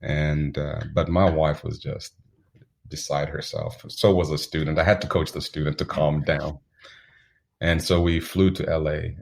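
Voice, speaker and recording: A man from Zambia speaks as an interview guest, his voice extremely low and rough with fry. He tells his stories at an unhurried pace, holding his pitch level and even, and he chuckles now and then. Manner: unhurried, anecdotal, chuckles while telling stories. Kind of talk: reflective storytelling in an interview.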